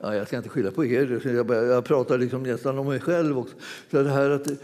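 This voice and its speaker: A man's voice: medium pitch, steady tone, darkish tone. A man preaching a sermon, telling a story in a chatty, laughing way with many restarts. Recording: hall reverb.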